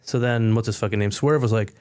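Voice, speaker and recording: A man's voice: fairly low pitch, steady tone, fast talker, darkish tone. A man co-hosting a wrestling podcast, chatting casually and retelling a televised scene with quoted lines. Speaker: podcast co-host. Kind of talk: casual chat.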